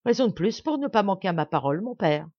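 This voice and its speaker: A woman's voice: mid-range voice, expressive, quick pace, no room sound, close to an everyday voice. A woman voicing a young man who answers his father in a sad but firm, determined way. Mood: sad resolute. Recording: dull dry recording.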